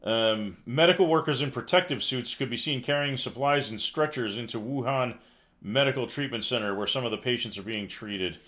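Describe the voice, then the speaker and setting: Bright-voiced sarcastic male news streamer. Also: medium pitch, normal speed. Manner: sarcastic, reads headlines then riffs with exasperated asides. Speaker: livestream news commentary host. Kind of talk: casual live news commentary.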